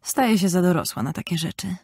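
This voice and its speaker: A woman's voice: lowish voice, fast, a little mellow, breathy edge, no echo, clean studio sound. Woman voicing a prim eldest sister.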